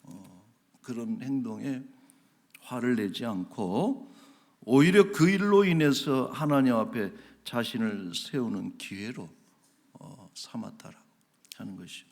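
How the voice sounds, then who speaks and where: Animated Korean pastor telling a story. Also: male voice, mid-range voice, measured pace. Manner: animated storytelling, acting out quoted voices, drops to whispers; laughs while telling. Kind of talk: sermon.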